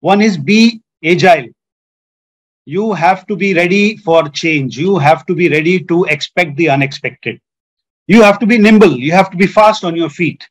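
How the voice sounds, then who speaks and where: A man's voice: high-pitched, moderate pace. A man, a panel guest who speaks earnestly and sets out his points in order. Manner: earnest, structured, lists points. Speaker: hotel general manager, panel guest. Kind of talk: panel discussion.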